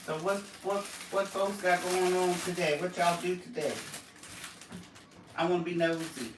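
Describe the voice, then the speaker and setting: A playful woman with a Southern drawl chats on a home live stream while she sorts things. She sits back from the mic in an echoey room with loud noise behind her. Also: lowish voice, steady tone, a little slow, recorded from a distance. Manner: playful, chatty, slips into a put-on Southern drawl. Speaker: vlogger going live. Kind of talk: casual live-stream chat.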